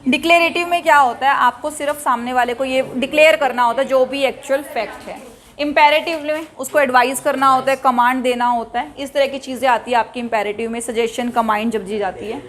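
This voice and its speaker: High-voiced woman teacher lecturing a class. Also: steady tone, fairly quick. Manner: quizzes students and calls for quiet; mixes Hindi explanation with English example sentences.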